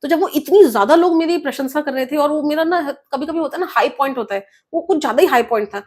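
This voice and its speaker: Woman guest telling her story, earnest, slightly high voice, drops english words in. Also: quick pace, a little mellow. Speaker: guest author. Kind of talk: personal story in an interview.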